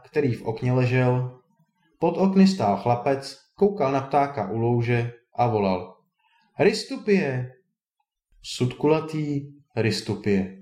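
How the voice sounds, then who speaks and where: A man narrating a folk fairy tale in an expressive, unhurried reading. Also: mid-range voice, reverberant. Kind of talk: storybook reading.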